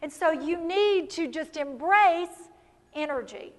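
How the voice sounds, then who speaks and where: A woman giving a lively, punchy motivational keynote to a live audience, calling for responses. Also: very high voice, slow. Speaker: motivational speaker. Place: large hall before an audience. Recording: long reverb of a large hall.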